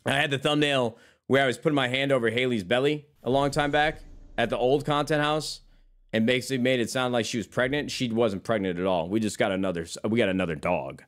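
A man's voice: medium pitch, brisk. A man in his thirties, a streamer chatting casually with his viewers. He rambles from one topic to the next, swears freely and keeps calling his listeners brother. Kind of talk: casual chat.

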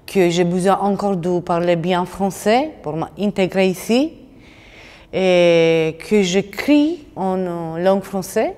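A woman from Romania, not a French speaker, talking hesitantly about her work and studies, with many pauses and fillers. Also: fairly low pitch, a little mellow. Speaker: language course participant. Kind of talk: interview testimony. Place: indoor room with stained-glass windows. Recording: long reverb in a hall.

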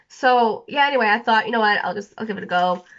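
A young woman, her voice slightly high and fairly bright, talks at a moderate pace while vlogging casually from a small bedroom. She rambles to the camera with plenty of fillers and restarts, sounding a bit sniffly and scratchy-throated, and the audio is dull.

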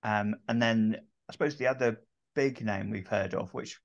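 Middle-aged guy hosting over a video call, bit low voice, lots of ums, muffled sound. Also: moderate pace. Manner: hesitant, many ums and restarts. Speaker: host. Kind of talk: casual interview chat. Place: home room with shelves. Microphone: video call webcam.

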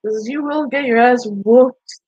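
Streaming live from a small bedroom through a headset mic, a Boston-accented woman in her twenties mocks her chat with brash, profane trash talk. She speaks at a measured pace in a highish, slightly rough, a little mellow voice; the recording is dry but the stream audio dull and lo-fi.

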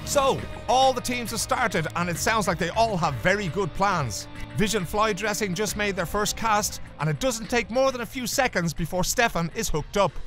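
A man narrates the show in a polished, scripted announcer manner. His voice sits high for a man, and music plays clearly underneath. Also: expressive, moderate pace, hardly any pauses, fairly bright tone. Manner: announcer-like, emphatic introductions.

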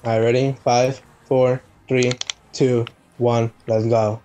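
A man's voice: medium pitch, flat delivery, takes it slowly, over music. A man chatting casually while gaming with a friend, swearing a lot and bursting into panicky outbursts. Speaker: gamer.

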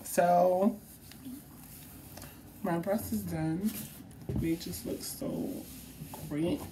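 A woman chatting casually to her viewers in a vlog, animated, laughing often and swearing freely. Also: on the low side, extremely slow, heavy background noise. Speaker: vlogger.

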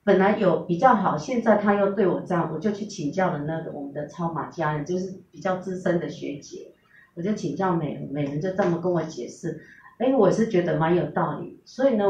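A woman's voice: on the low side, a little fast, darkish tone, slight background noise. Middle-aged woman, sincere testimony, mic set back in a reverberant room. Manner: earnest, recounting with quoted dialogue. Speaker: testimonial speaker. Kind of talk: personal testimony, storytelling. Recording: roomy, distant, dull recording.

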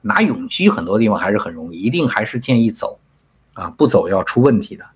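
A man talks in a casual, blunt monologue that is full of profanity and open scorn. His voice is husky, and his pitch swings widely from high jabs down to low, grumbling asides. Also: big pitch swings, fairly quick. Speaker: commentator.

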